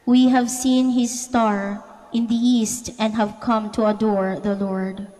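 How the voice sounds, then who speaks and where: A woman serving as lector at Mass, reading scripture and psalms solemnly with deliberate, formal phrasing in a reverberant church. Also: fairly high pitch, little pitch movement, mellow, faint music behind. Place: large church interior. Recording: long reverberant church echo.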